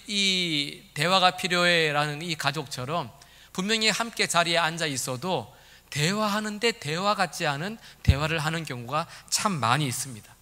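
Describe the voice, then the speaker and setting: Bright-voiced pastor in an echoing church. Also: male voice, on the high side. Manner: earnest, asks the congregation direct questions. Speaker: senior pastor. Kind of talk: sermon with opening prayer. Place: church sanctuary.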